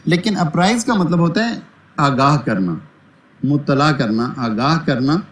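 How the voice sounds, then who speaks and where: A man's voice: a little high, animated, a little slow. Man teaching a vocabulary lecture. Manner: explains word by word, addressing "dear students".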